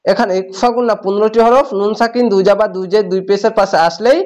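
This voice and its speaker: High-voiced man teaching Quran recitation. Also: steady tone, a little mellow. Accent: Bangladeshi Bengali. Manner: spells syllables slowly, then blends them into words. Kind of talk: step-by-step spelling and recitation lesson.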